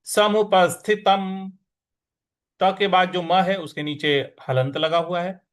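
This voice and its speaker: A man teaching verse recitation, breaking words into syllables and chanting each line deliberately. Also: a little high, a bit bright. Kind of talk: Sanskrit recitation lesson.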